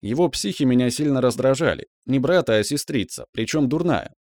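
A playful, sly teenage noble girl from a fantasy audiobook, her lines pitched well above the reader's own voice and delivered with a teasing, conspiratorial lilt, as a male narrator puts her on. The sound is dry and close. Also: animated, normal speed, a little mellow, dry recording, natural voice.

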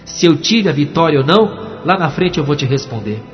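A pastor with a fairly high, animated voice delivers a dramatic testimony sermon at a brisk pace, acting out the voices in his story. Soft music plays behind him, and the recording is dull with long hall reverb.

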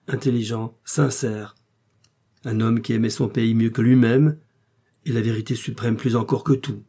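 A man reading an audiobook, voicing a calm, strong-willed aristocratic wife who speaks firmly and coolly. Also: mid-range voice, slightly rough, close to an everyday voice. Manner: firm, calm, cutting.

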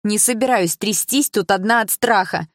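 A woman voicing a frightened, indignant young female friend who speaks high and loud, close to shouting, in an audiobook. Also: fast, no room sound, lightly acted. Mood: panicked.

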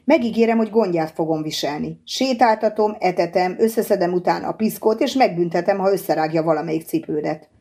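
A woman's voice: fairly low pitch, few pauses, warm tone, close to an everyday voice. A woman reading the lines of an apologetic, evasive young man in an audiobook, in a soothing, coaxing way.

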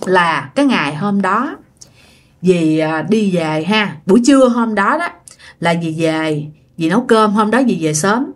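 This woman's voice is medium-pitched and fairly bright. She tells a ghost story in a relaxed, chatty way, addressing her audience directly.

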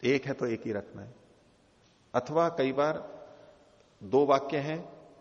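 A philosophy teacher gives a scripture lecture in the teaching hall of a religious retreat, explaining patiently with repeated rephrasing and worked examples. He speaks slowly in a medium-pitched voice, and the hall recording is dull and echoey.

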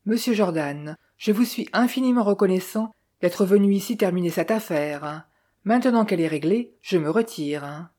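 A woman reading the part of a domineering older male millionaire with a gruff, commanding manner. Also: mid-range voice, lively intonation, normal speed, dark tone, natural voice. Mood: formal.

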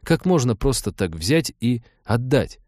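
A man's voice: medium pitch, sing-song, a little slow, darkish tone, dry recording, pitched above the performer's own voice. A man doing a thrifty, puzzled young man. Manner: puzzled, questioning.

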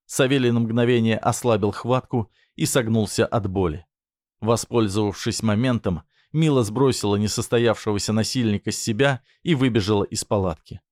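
A man narrating a story in a steady, even reading voice. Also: on the low side, normal speed, no echo, studio quality.

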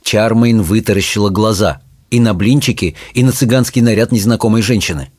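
A man reading a children's fantasy story aloud in an expressive storytelling manner. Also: on the low side, no room sound, clean studio sound. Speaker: audiobook narrator. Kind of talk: audiobook reading.

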